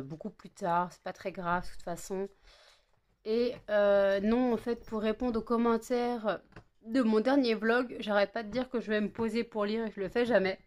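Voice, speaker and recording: Her tone is darkish and mid-range as a woman in her thirties rambles through a casual home vlog. She sounds tired and a bit congested from a cold, leaning on fillers and repeatedly correcting herself.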